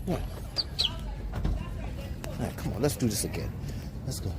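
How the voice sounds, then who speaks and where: A man's voice: lowish voice, lively intonation, moderate pace, heavy background noise. A man filming casual street interviews on a handheld phone, talking in chatty street slang, out on city streets and in a car. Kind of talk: casual street vox pop.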